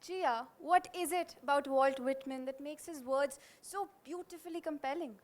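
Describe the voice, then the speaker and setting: A woman's voice: sits high, moderate pace. A young woman compering a school event in a polished, declamatory manner. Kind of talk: scripted stage announcing and poetry recital.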